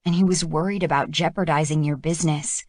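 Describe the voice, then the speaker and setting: A woman's voice: deep voice, steady tone, fast, a little mellow, no echo. A woman reading hurt young woman Callie. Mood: rueful.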